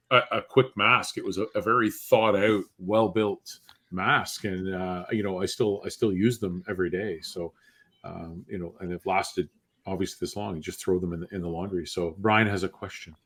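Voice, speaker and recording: Man, lowish voice, podcast host, relaxed chat format, halting phrasing. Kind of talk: casual chat.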